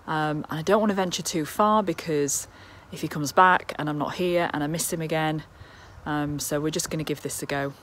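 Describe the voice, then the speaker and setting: Speaking anxiously to her arm's-length phone, this woman keeps her casual vlog going with a deep voice over slight background noise. She films both out in the countryside and inside her house.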